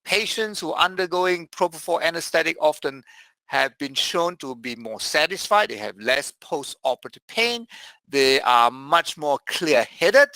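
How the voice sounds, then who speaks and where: Bright-voiced man giving a medical lecture. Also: on the high side, dry recording, poor audio. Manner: measured, with frequent "uh" fillers. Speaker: anesthesiologist lecturer. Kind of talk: medical presentation.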